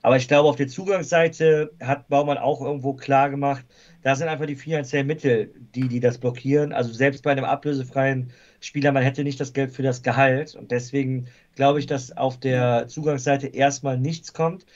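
A man's voice: mid-range voice, steady tone, normal speed, darkish tone, dull audio. A man talking football casually as a guest fan, thoughtful and hesitant with frequent fillers.

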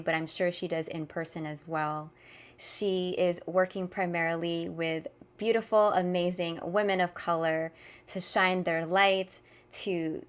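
Female podcast host, slightly low pitch, effusive, emphatic welcomes and interview questions. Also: clean tone.

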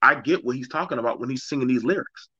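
A man's voice: mid-range voice, fast talker, bright, forceful tone, breathy edge, dry recording. A man co-hosting a casual podcast chat, talking bluntly and with energy, and slipping into voices when he quotes people. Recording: dry, dull lo-fi mic.

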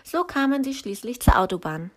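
A woman, likely a teacher, reading a children's story aloud in a slow, calm storytelling way. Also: on the high side.

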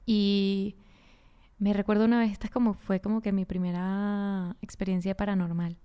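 A woman's voice: mid-range voice, flat delivery, normal speed, warm tone, clear, resonant tone. A young woman, co-hosting a podcast and telling a ghost story in casual chat, acting out the lines she quotes. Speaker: podcast co-host.

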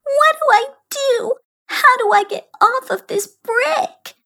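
High whiny little girl, a lady putting her on, storybook voice. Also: takes it slowly, sharp tone, exaggerated voice.

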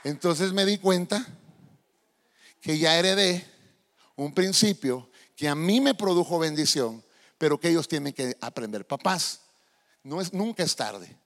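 A male pastor preaching a sermon, animated and asking the congregation questions. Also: on the high side, measured pace. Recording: long hall reverb.

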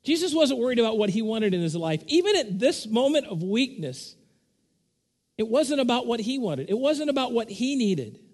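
A man's voice: big pitch swings, normal speed. A man preaching an earnest sermon as pastor, building in force on repeated points. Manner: earnest, swells louder and higher on repeated points. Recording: long reverb of a church hall.

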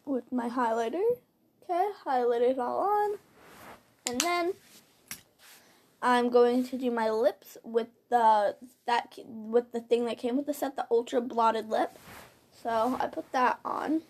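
A woman's voice: a little high, unhurried. A woman giving a casual, chatty step-by-step makeup tutorial, recorded on a plain laptop-style mic without a studio microphone. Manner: chatty, informal, step-by-step narration while doing makeup. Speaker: host of a makeup tutorial show. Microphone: built-in device mic rather than usual microphone.

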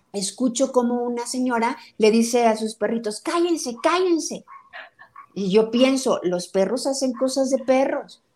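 A woman's voice: on the high side, dark tone. Direct woman debunking parenting myths. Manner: direct, myth-busting, explanatory. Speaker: parenting and breastfeeding advisor. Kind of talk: informative conversation.

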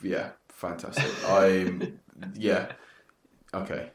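A man's voice: sits low, flat delivery, very slow, slight background noise. A man in casual, jokey conversation, swearing freely and cutting in on his guest. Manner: jokey, swears casually, talks over the other. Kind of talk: casual chat.

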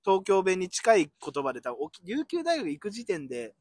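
A man's voice: high voice, huge pitch swings, normal speed, a little mellow, no echo, studio quality. A man in his thirties from Hiroshima, co-hosting a casual podcast chat, rambling with many fillers. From Hiroshima, Japan. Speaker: podcast co-host.

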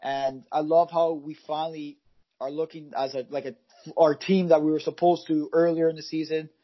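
A man's voice: a little high, level tone, moderate pace, lo-fi sound. A man co-hosting a casual football podcast, rambling with many fillers and restarts. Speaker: podcast co-host, football fan. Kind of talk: casual chat.

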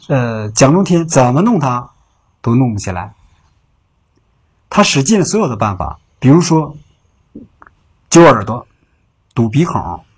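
Male storyteller for a late-night story show: husky throughout, average pitch, relaxed conversational telling. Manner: unhurried, conversational telling with filler particles.

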